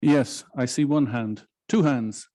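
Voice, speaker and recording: A man lecturing on law to a hybrid audience, speaking in a measured way with frequent restarts and fillers. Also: mid-range voice, mellow. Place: lecture room in Brussels, hybrid with online audience.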